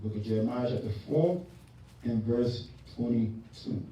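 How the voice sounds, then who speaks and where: Emphatic preacher in an echoing hall. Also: male voice, medium pitch, normal speed, warm tone, muffled recording. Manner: emphatic, questioning the class, repeats words. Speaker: teacher leading Bible class. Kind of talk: call-and-response Bible teaching. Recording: echoey room from far off.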